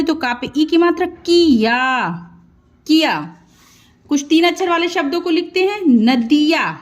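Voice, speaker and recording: A high-pitched woman gives an unhurried lesson, breaking words into single syllables and drawing each one out. She says every piece carefully and then repeats the full word. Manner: sounds out syllables slowly and drawn out, then repeats the whole word. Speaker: Hindi teacher. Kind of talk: slow dictation-style lesson.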